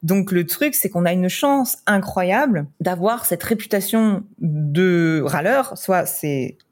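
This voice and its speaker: A woman's voice: on the low side, lively intonation, takes it slowly. A woman from France, a wedding photographer, chatting casually in a podcast interview with lots of fillers and laughter.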